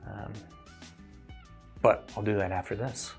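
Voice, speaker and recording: A man's voice: on the low side, steady tone, unhurried, vocal fry, soft background music. A man hosting a casual livestream question-and-answer session, explaining things in a thoughtful, hedging way. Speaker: host reviewing audio gear and answering viewer questions.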